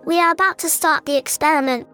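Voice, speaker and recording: A woman's voice: high-pitched, steady tone, fast talker, sharp tone, soft background music. A woman voicing an eerie announcer who invites the listener into an experiment.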